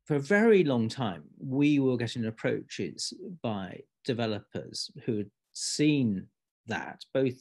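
A man speaks on a panel as an architecture principal, his voice sitting at an ordinary middle pitch. He talks in a halting way, breaking off and restarting his sentences. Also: animated. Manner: hesitant, many restarts. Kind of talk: panel discussion.

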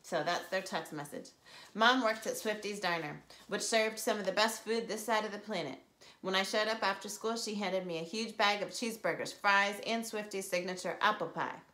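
A woman teacher reading a children's novel aloud in a lively storytelling way, with a roomy echo. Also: mid-range voice, moderate pace.

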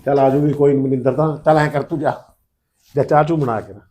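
An actor plays a household head in a family drama, placating and mediating. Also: male voice, medium pitch, steady tone, fairly quick, darkish tone, natural voice. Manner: placating, talks in a persuasive, mediating way. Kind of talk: Punjabi family drama acting.

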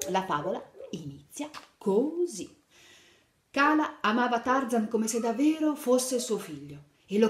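A woman's voice: medium pitch, echoey room. A woman reading a fairy tale aloud to children, asking them questions as she shows the pictures. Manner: animated, asks the children questions while showing pictures. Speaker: storyteller for children.

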